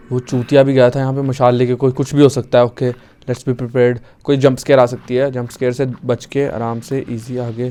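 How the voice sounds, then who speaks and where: Swearing gamer mutters and yelps. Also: male voice, medium pitch, smooth. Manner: profane, jokey, mutters quietly then shouts when startled. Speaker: gaming YouTuber playing a horror game. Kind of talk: casual let's-play commentary.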